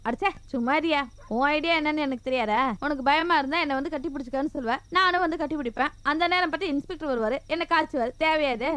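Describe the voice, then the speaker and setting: A woman's voice: high-pitched, fast, fairly bright tone. An actress playing a woman who teases and scolds a flirting constable in a comedy film. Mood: teasing. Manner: teasing, scolding.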